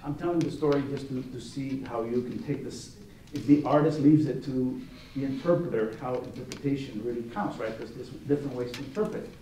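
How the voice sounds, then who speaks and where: A man's voice: mid-range voice, brisk, dark tone. A man serving as juror of an art competition, giving an informal gallery talk with many restarts and anecdotal asides. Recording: roomy echo, distant mic, faint noise.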